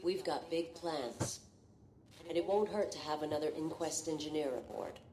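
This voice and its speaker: A woman's voice: low-pitched, moderate pace, warm tone, close to an everyday voice. A woman playing a composed, commanding pirate captain in a video game. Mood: composed authority. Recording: roomy echo, faint background noise.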